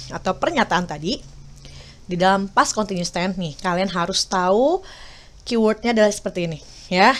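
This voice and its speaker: An Indonesian woman teaches English to young students, speaking with her Indonesian accent. She explains patiently, repeats key words slowly and fills pauses with small fillers. Her voice sits at an ordinary middle pitch. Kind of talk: classroom video lesson.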